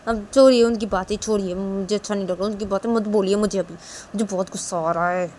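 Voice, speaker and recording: A woman voicing a young mother who is protective and quick to anger, speaking in a raised, emphatic voice. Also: mid-range voice, steady tone, darkish tone, a little hiss or hum, lightly acted. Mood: angry. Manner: raised, scolding, then coaxing.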